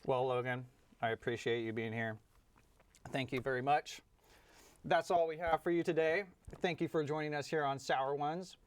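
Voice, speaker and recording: A man's voice: a little high, normal speed, clear, resonant tone. A young man hosting a casual interview during a candy tasting, asking questions in a jokey, mock-serious way. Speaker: host. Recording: slightly distant mic, faint noise.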